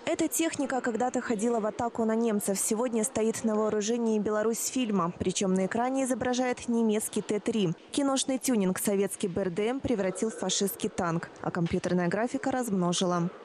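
High-pitched, mellow woman reporting news. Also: fairly quick, hardly any pauses, slight background noise. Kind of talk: scripted news narration.

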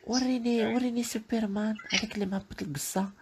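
A man's voice: high voice, fairly even intonation, fast, very noisy, voice pushed up, natural voice. A man voicing a sulky, weepy young woman who whines and complains in a Moroccan Arabic accent. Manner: whiny, complaining.

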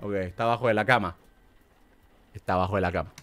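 Over music, this gamer host speaks fast in a low register. He's a young man playing a horror game on video, excitable and jokey, answering the game as if it could hear him.

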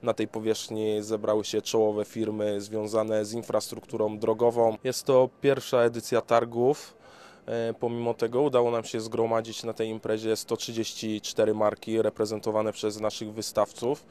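A middle-aged man speaking as a fair organizer in a trade fair interview, in a steady, informative way, outdoors with a handheld mic. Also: fairly low pitch, moderate pace, smooth. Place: outdoors in front of an exhibition hall. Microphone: handheld reporter mic.

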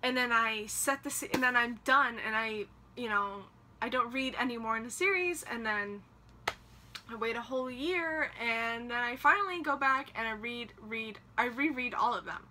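A young woman who runs a book vlog rambles casually to camera about her reading plans, full of fillers. She speaks at a moderate pace in a voice on the high side, from a small room by her bookshelves, with background noise.

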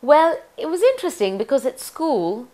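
A woman's voice: sits high, very animated, moderate pace, dark tone. A middle-aged woman from Tanzania, an actress, reminiscing in an oral history interview, chatty and reflective with frequent laughs.

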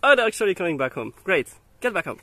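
A young native French speaker chats casually while hiking a dirt hillside path, filming himself on a handheld camera as he walks. His high voice is sing-song, bright and forceful, and he talks fast, giggling, coaxing and laughing often. There's no echo.

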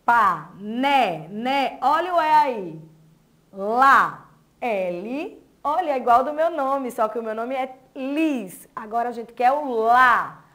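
A young adult woman with a Brazilian Portuguese accent leads a reading lesson for small children. Her voice sits a little high, and she speaks slowly, breaking words into syllables and praising the class often. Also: lively intonation, a bit bright. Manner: slow, syllable-by-syllable sounding out with praise. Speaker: teacher.

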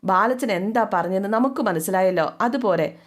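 A woman voicing a young daughter-in-law who sounds sweet and innocent while scoring quiet points, in a retold family serial. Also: mid-range voice, moderate pace, natural voice. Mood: sweetly scolding.

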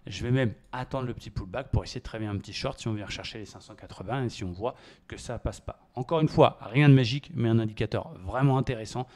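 A man's voice: on the low side, fast talker, a little mellow. Enthusiastic man teaching trading. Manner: enthusiastic, emphatic repetition; frequent fillers and restarts. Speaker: trading educator. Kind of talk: screen-share trading tutorial.

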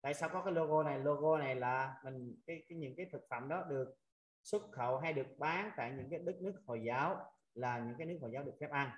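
A man teaching an online language lesson, patiently drilling sounds with many drawn-out fillers. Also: mid-range voice, echoey room, highs cut off. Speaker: Arabic teacher. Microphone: video call.

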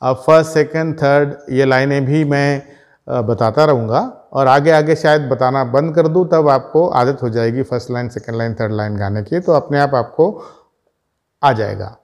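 A man's voice: medium pitch, normal speed. A man teaching a school prayer song to young children, patiently checking in with them again and again. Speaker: music teacher. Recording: loud backing music.

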